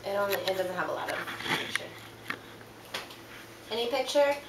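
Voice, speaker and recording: A woman's voice: mid-range voice, lively intonation, normal speed. A woman chatting casually and playfully around a kitchen table. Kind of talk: casual chat. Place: home kitchen with dish clatter. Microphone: camera across the table. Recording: distant mic, echoey noisy kitchen.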